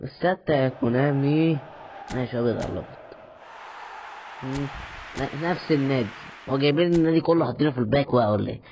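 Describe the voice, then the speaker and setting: A man's voice: mid-range voice, very fast, gravelly, long pauses, a little mellow, dull audio, slight background noise. A young man with an Egyptian accent giving casual pack-opening commentary, chatty and mock-exasperated as he pleads with the game. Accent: Egyptian Arabic. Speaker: gaming YouTuber.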